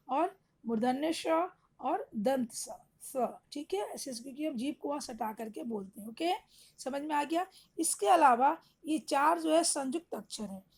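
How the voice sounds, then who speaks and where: A woman's voice: sits high, a little slow, vocal fry, a little mellow. A woman teacher giving an online grammar lesson to young children, patiently explaining step by step and answering her own questions.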